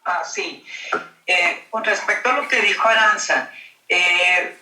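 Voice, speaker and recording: A woman taking part in a philosophy seminar over a video call, speaking in a deliberate way. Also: on the low side, pushed and bright, faint music behind. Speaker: seminar participant. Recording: echoey and distant from the mic.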